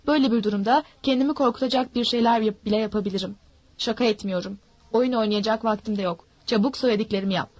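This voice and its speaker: A woman voicing a sly, menacing old male pirate who coaxes and threatens smoothly. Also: on the high side, fast talker, darkish tone, no room sound, lo-fi sound, lightly acted. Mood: threatening. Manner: smooth-talking, mocking threats.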